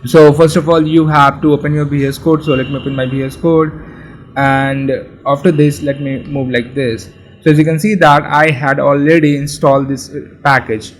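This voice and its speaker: Male coding tutor, somewhat high voice, loose and chatty delivery full of fillers and restarts. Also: fairly even intonation, normal speed, soft background music, low-quality recording. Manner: casual, repetitive, many fillers and restarts. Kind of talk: screen-share coding tutorial.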